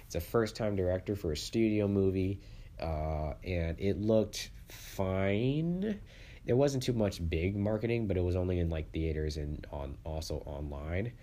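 Low-voiced man, congested and sniffly with flu. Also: measured pace, warm tone. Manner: rambling, stammering, repeats words. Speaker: movie podcast host. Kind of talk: casual solo podcast commentary.

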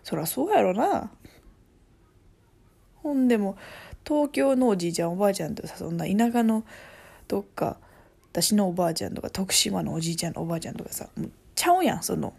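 A woman with a Kansai accent chatting casually as a vlogger, rambling and often dropping to a soft half-whisper. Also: medium pitch, expressive, fairly quick, vocal fry, pauses often, husky. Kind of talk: casual chat.

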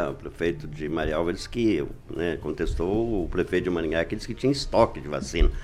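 A man commenting on a radio talk show in a wry, relaxed way. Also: sits low, fairly quick. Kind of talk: casual debate.

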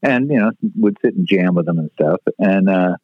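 A man's voice: deep voice, expressive, normal speed, no room sound. A man in his sixties, a retired stage manager, telling stories in a brash, profane way. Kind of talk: casual storytelling interview. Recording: tinny phone-like line, dry.

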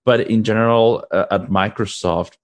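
A man's voice: on the low side, steady tone, moderate pace. A man in his thirties from Mexico, a product manager answering interview questions in an earnest, upbeat way with fillers and restarts.

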